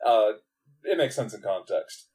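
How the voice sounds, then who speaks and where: A man's voice: on the low side, very animated, a little slow, a little mellow. A man on a casual film podcast, describing a comedy sketch bluntly and keenly, with casual swearing.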